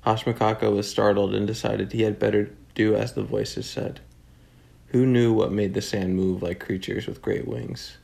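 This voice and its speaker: A middle-aged man reading a children's storybook aloud at home in a steady, unhurried way. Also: on the low side, creaky. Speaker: storybook reader.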